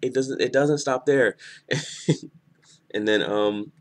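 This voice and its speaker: A man giving a casual spoken review of a comic chapter, excitable and rambling, often restarting his sentences. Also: medium pitch, takes it slowly. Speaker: manga reviewer.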